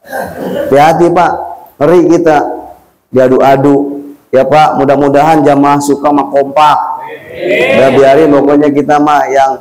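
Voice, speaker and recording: A man preaching a sermon, telling a funny story in a joking, lively way. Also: a little high, measured pace, pauses often. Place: prayer room. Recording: echoey prayer room.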